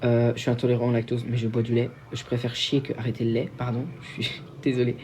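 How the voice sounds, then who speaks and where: With a darkish, monotone, mid-range voice and a fast pace, a young man from Belgium fields viewer questions on his casual livestream. He's chatty and self-deprecating, restarting often, over a slight hiss or hum.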